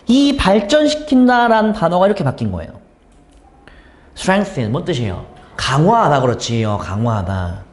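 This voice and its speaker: A man gives an English exam lesson, posing questions to his students and then answering them himself in lecture style. He speaks in a high voice with a darkish tone, and the room sounds echoey.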